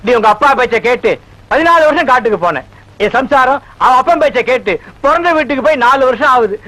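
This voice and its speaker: An actor playing a loud, theatrical village father in a comedy film, exclaiming and scolding his son. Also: extremely high pitch, lively intonation, a little fast, exaggerated voice, poor audio. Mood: devotional. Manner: loud, exclaiming, sing-song praise. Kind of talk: Tamil film comedy acting.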